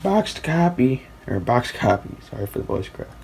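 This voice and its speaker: A man hosting a casual tech video, thinking aloud as he unpacks old software and gets an old computer ready. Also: fairly low pitch, steady tone, fairly quick, vocal fry. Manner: rambling, hesitant, thinking aloud. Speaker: tech hobbyist host. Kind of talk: casual commentary while unboxing and building a PC. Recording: noisy home recording.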